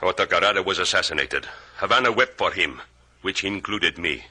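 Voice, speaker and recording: An actor playing a formal, guarded Cuban police inspector, speaking slowly and politely with a Cuban Spanish accent in a 1950s radio drama. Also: male voice, deep voice, lively intonation, sharp tone, husky, full character voice. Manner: overly polite, slow and precise.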